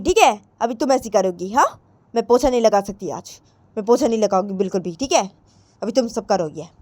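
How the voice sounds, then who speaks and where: A woman's voice: high-pitched, dry recording, pitched above the performer's own voice. A woman voicing a bossy middle-aged mother who nags, gives orders and repeats her threats in a storybook tale.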